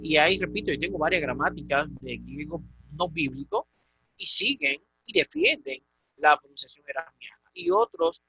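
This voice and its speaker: A man's voice: fairly high pitch, very animated, normal speed, creaky, sharp tone, faint music behind, rough recording. A man from the Dominican Republic teaching a recorded lesson on Greek pronunciation, explaining step by step with frequent fillers and restarts. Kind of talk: recorded lecture.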